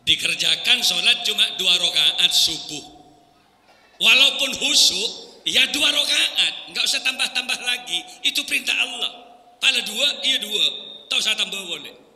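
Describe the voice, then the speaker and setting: A male preacher gives an animated sermon and breaks into sung call-to-prayer phrases as examples. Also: high-pitched. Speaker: Islamic preacher. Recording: echoey hall reverb.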